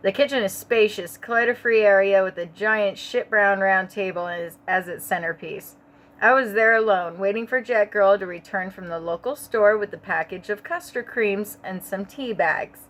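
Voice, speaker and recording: A woman's voice: mid-range voice, moderate pace, fairly bright tone. A woman reading a story aloud, sick and a bit stoned, in a loose, casual delivery. She stumbles and corrects herself, breaks off for chatty asides, and swears without a second thought. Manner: rambling asides, stumbling over words, swearing. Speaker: audiobook reader. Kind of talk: casual amateur audiobook narration.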